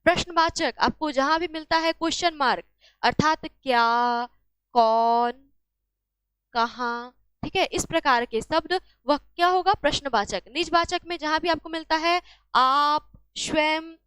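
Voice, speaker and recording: High-voiced woman teaching exam answers. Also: a little slow, a bit bright, no echo. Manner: asks a question then answers it herself. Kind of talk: exam-solution lesson.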